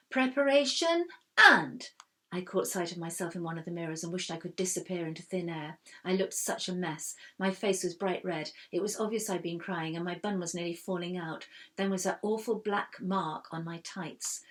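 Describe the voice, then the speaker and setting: A woman reading a first-person children's story aloud in a steady, expressive way. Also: on the low side, normal speed, hardly any pauses. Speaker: reader.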